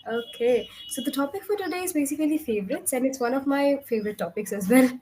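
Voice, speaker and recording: Young indian lady english tutor, high voice, explains things and keeps checking you get it. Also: lively intonation, fast talker, dark tone. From Kolkata, India. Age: young adult. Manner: instructive, frequent check questions. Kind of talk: one-on-one spoken English lesson.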